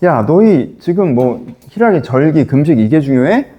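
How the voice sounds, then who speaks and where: A man's voice: on the high side, very animated, normal speed, warm tone, dull audio, pitched below the performer's own voice. A male pastor voicing God as a blunt male speaker who scolds his people in informal speech. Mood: scolding.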